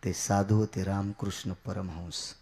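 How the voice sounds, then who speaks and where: A man giving a devotional kirtan sermon, telling stories and moving between shouted declamation and quiet asides. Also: low voice, flat delivery, unhurried, heavy background noise. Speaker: kirtan preacher. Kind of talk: devotional sermon with storytelling and singing.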